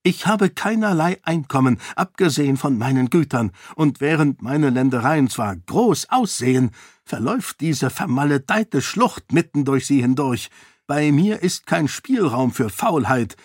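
A man's voice: mid-range voice, animated, a little slow, no room sound, studio quality, pitched above the performer's own voice. A man voicing an embittered, defensive lord who snaps and complains. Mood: snappish. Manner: snappish, complaining. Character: embittered, defensive lord anxious about his lands.

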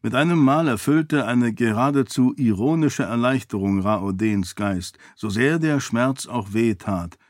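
A man narrating an audiobook in a measured, even reading style. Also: medium pitch, no room sound, studio quality. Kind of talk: scripted narration.

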